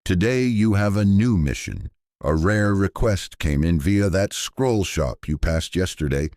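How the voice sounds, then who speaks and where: This dry, close recording has no room ambience and captures a man's very deep, low voice. He narrates a calm sleep story from a script, quietly and slowly, with a gently wry touch.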